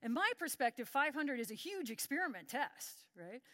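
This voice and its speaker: A middle-aged woman gives a conference talk, telling lively stories and acting out what her colleagues said. Her voice is high-pitched at normal speed, and the recording is dry.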